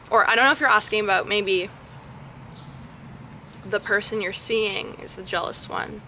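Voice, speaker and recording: Young woman, bright forceful voice, mid pitch, candid slangy Q&A chat, vlogger, outdoors with faint background noise. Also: vocal fry. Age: young adult. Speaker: vlogger answering viewer questions. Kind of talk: casual chatty Q&A. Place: backyard, outdoors.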